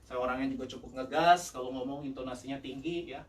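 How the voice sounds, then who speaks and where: A male pastor preaching a lively sermon, mixing English phrases in and laughing often. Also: mid-range voice, quick pace, distant mic. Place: church service.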